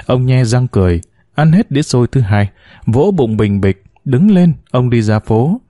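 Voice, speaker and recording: A man narrating short stories in a measured storytelling manner. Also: no echo. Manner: measured storytelling, lively pitch. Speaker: audiobook narrator.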